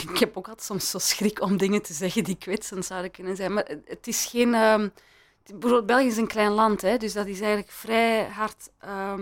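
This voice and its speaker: A woman speaking as an interview guest, thoughtful and hesitant, with frequent restarts and laughs. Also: mid-range voice. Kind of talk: reflective interview talk. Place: in Belgium.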